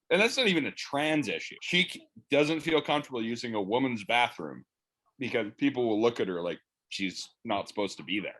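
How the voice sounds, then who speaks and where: Casual podcast guest: a young man in his late twenties, outspoken and profane. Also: medium pitch. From Canada. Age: 20s. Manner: blunt, swears freely, animated. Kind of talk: casual chat.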